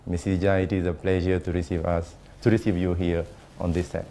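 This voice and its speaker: A man hosting a TV interview in English, formal and halting. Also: deep voice, level tone, dark tone, a little hiss or hum. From Senegal. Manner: formal, halting, many backchannel mm-hmms. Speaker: host.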